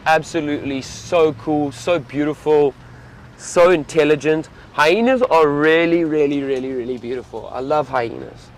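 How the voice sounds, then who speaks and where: A young man speaks outdoors from an open safari vehicle, chatting casually with live-stream viewers. He is an enthusiastic safari field guide who rambles as he talks. His voice sits a little high for a man. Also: a little hiss or hum.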